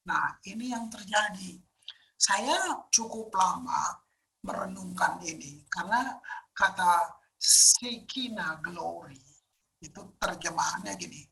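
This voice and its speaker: A woman pastor giving a casual, emphatic sermon, often sinking into a hushed whisper. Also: fairly low pitch, creaky, rough recording. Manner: casual conversational preaching with fillers.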